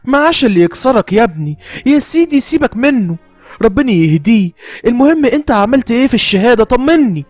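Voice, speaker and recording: A man's voice: extremely high pitch, no room sound, faint music behind. A man voicing a long-suffering middle-aged Egyptian mother who is bitter but devoted, speaking with an Egyptian Arabic accent in emotional, pleading bursts. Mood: soothing. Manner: emotional, pleading, rapid outbursts. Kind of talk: horror story narration.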